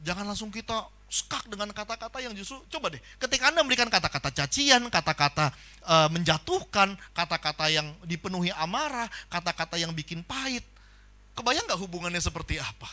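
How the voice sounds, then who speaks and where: A man preaching a sermon in a church, talking with animation and acting out the people he quotes in loud bursts. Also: high voice, animated, a little fast. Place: church hall.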